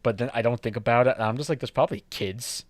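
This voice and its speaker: A man's voice: mid-range voice, fast, no room sound. A young man co-hosting a podcast, chatting casually, rambling, swearing and laughing often. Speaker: podcast co-host. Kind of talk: casual chat.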